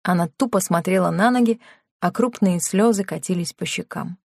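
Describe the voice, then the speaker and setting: A woman's voice: fairly low pitch, normal speed, vocal fry, no echo. Woman narrating a novel, dry studio. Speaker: audiobook narrator. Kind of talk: scripted narration.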